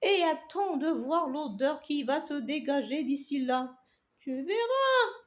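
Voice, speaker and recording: A woman's voice: high-pitched, very animated, slow pace, full character voice. A woman voicing a grumpy, wilting lettuce who jeers and grumbles in a children's story. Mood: grumbling. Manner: grumbling, jeering.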